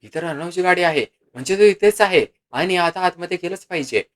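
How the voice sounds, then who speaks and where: A man's voice: sits high, expressive, brisk, fairly bright tone. A man voicing a weak, injured older father who pleads desperately. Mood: desperate, pleading.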